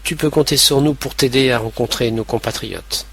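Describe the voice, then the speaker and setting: A man narrating a scripted language lesson in a slow, clear, carefully pronounced way. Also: medium pitch, fairly bright tone.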